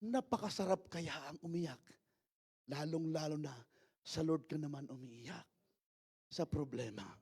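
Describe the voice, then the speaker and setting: A male pastor preaching a sermon. He calls to the congregation for amens and moves between soft asides and loud, emphatic lines. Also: fairly high pitch, unhurried, long pauses, slightly rough.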